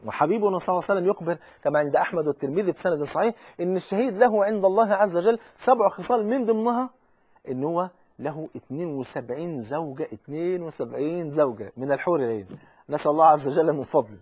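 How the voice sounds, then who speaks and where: A man preaching a sermon with an Egyptian Arabic accent, fervent, slowing into emphatic recitation when he quotes scripture. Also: on the high side, a little mellow, breathy edge, no echo. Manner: fervent, quoting hadith with slow emphatic recitation.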